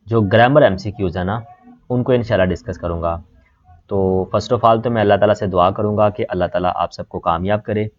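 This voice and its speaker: A man from Pakistan who teaches online, walking his students through exam questions one word at a time and often saying "beta" and "theek hai". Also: lowish voice. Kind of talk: exam-prep lesson, word by word. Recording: slightly dull lo-fi audio.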